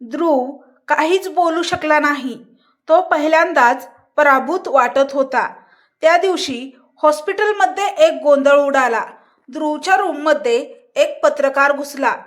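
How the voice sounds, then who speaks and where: A woman narrating a novel in a calm, measured way. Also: high-pitched. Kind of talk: scripted narration.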